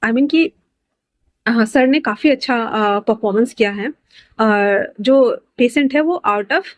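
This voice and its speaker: A woman's voice: fairly high pitch, slow, dry recording. A woman voicing a male hospital doctor who gives a report hesitantly, with filler sounds.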